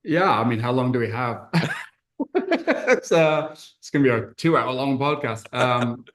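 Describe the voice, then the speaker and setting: A man's voice: medium pitch, big pitch swings, a little slow, a bit bright. A man from England, a podcast guest and entrepreneur, speaking candidly and reflectively in casual conversation, with frequent fillers and restarts.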